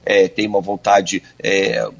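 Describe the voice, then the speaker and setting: A man's voice: low voice, very animated, creaky. A man answering radio interview questions as a urologist, talking over a landline phone and often stopping and restarting. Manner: halting, many filler sounds and restarts. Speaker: urologist guest. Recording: dull lo-fi phone line.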